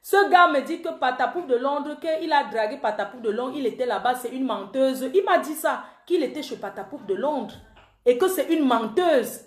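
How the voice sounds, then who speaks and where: Speaking in a high-pitched, expressive voice at normal speed, a woman in an echoey room goes on an emotional live-stream rant. She's an online commentator calling herself the panther, and she repeatedly accuses a man, addressing him directly even though he isn't there.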